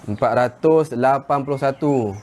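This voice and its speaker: A man teaching Quran recitation in a live lesson from a garden, relaxed and chatty, drawing out example words slowly. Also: medium pitch. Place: outdoors in a garden with birdsong. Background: birdsong.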